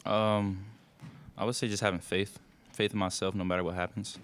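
A young college basketball player fields questions at a postgame press conference, speaking into a table mic in a press room before a sponsor backdrop. His lowish voice is flat and clean, and he talks loosely in quick bursts packed with fillers.

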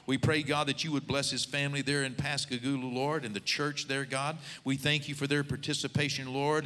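Host pastor praying, lord every line, bright tone, long church reverb. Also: male voice, medium pitch. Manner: fervent prayer, repeating Lord and God. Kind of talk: introduction and prayer.

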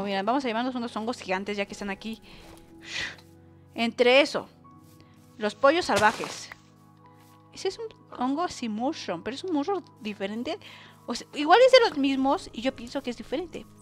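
Excitable woman narrating her gameplay. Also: a little high. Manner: excitable, bursts into shrieks and squeals; chatty, talks to viewers as she plays. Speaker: gaming channel host. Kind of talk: let's-play gameplay commentary.

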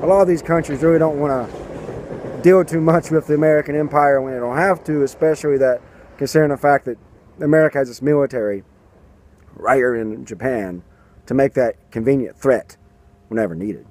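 A man in his thirties, medium-pitched, steady, a little fast and a little mellow, makes fun of politics with sarcasm while filming himself at arm's length. Standing outside by a garden and building, he puts on silly voices for quotes.

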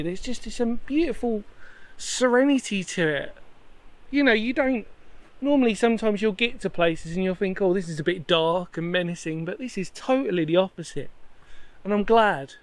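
A man in his thirties with a slightly higher voice walks through a sandstone cave and the surrounding woods, filming himself at arm's length. He rambles warmly about the spot, stops mid-thought and corrects himself, and sounds openly delighted to be there. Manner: rambling, enthusiastic, self-correcting. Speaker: history explorer vlogger. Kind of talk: walking vlog to camera. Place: outdoors in a sandstone cave and woodland. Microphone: handheld camera at arm's length.

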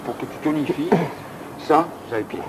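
A man coaching an exercise session indoors, giving brisk counted commands and encouragement. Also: fairly high pitch, very noisy. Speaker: fitness coach.

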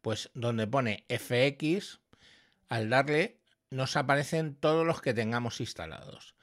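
Slow-talking tutorial guy. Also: mid-range voice, lively intonation. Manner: explanatory, frequent "¿vale?" check-ins. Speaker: software tutorial presenter. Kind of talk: screen-recorded software tutorial. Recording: echoey processed signal through audio effects.

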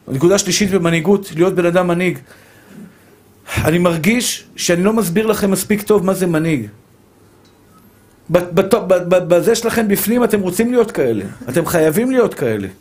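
A rabbi with a notably high voice preaches to a room of listeners. He drives home each point by saying it again and again, and he keeps warmly calling the listeners his dear brothers. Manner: emphatic, repetitive, addresses listeners as dear brothers. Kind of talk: Torah lesson to a live audience.

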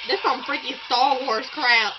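A woman hosting a reaction video, excitable and slangy, often squealing and shouting as she talks. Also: high voice, a little slow, dull audio, music in the background. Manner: slangy, playful.

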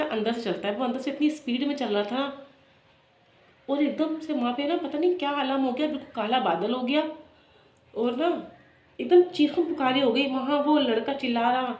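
A woman's voice: high-pitched, a little mellow. Woman retelling a loss in an echoey room. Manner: emotional, halting retelling with many restarts. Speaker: vlogger. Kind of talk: personal storytelling. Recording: echoey room with faint noise.

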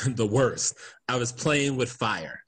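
A man's voice: mid-range voice, lively intonation, slow, a bit bright, slightly rough. A man co-hosting a casual group chat, telling a childhood story with lots of laughter. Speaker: podcast co-host.

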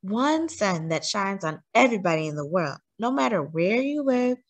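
A woman voicing Gavin, a thoughtful young boy, gentle and wondering, in a storybook read-aloud. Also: medium pitch, very animated, moderate pace, no room sound.

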